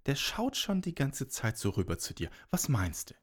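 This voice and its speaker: A man voicing a sly old farmer in a spoken fairy tale, leaning in and talking in a hushed, persuasive way. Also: mid-range voice, huge pitch swings, normal speed, husky. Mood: confiding. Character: sly old male farmer striking a bargain.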